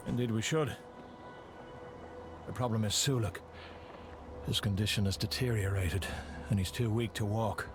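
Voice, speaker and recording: A man's voice: on the low side, steady tone, normal speed, long pauses, lightly acted. A man voicing a weary, stern male expedition commander in a game, firm and authoritative. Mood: grave. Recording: game audio with clear music behind.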